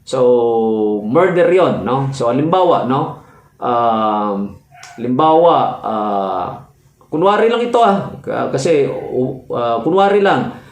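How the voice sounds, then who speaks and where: A man teaching in a loose classroom manner, his sentences broken by fillers and quick checks with the listener. His voice sits at a middle pitch, and the room around him rings with noticeable echo. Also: lively intonation. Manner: explains slowly with frequent "no?" checks and hesitations. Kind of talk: classroom-style legal lecture. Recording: echoey room.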